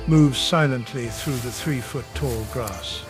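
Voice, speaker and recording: A man narrating a nature documentary from a script in a dramatic, measured, portentous way. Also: medium pitch. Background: music.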